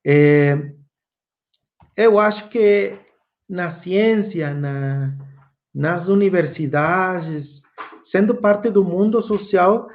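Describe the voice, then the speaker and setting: A high-pitched man, native Spanish speaker from Guatemala, speaks with a Guatemalan accent while giving an online course lecture. He's slow and reflective, using frequent fillers, and the sound is phone quality.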